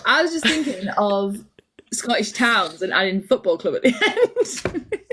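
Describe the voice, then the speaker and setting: A woman's voice: fairly high pitch, very animated, unhurried, fairly bright tone, slight background noise. A woman co-hosting a casual podcast chat, giggly and teasing, guessing aloud. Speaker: podcast co-host.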